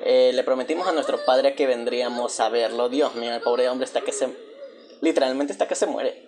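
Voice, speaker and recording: A man's voice: mid-range voice, fairly even intonation, brisk, a little mellow, slight background noise. A man hosting a gaming channel, chatting casually and scolding the game characters with jokey asides.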